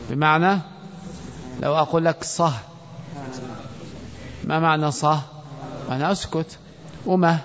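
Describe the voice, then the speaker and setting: A man with a slightly high, somewhat bright voice leads a grammar lesson, calling on students by name and quizzing them. The setting is a classroom or mosque hall, and the lo-fi recording carries long hall reverb.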